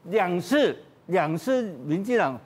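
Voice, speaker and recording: A man's voice: high voice, lively intonation, slow pace, husky. A man with a Taiwanese Mandarin accent, a political commentator on a TV talk show, blunt and joking, often repeating his words.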